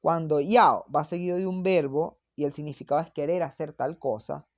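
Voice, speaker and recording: A woman with a slightly low voice gives a patient, explanatory language lesson. She repeats her examples slowly and carefully, as if for learners following along. She often drops in short checking questions and fillers. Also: steady tone, dull audio. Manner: frequent checking tags and fillers. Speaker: Mandarin teacher.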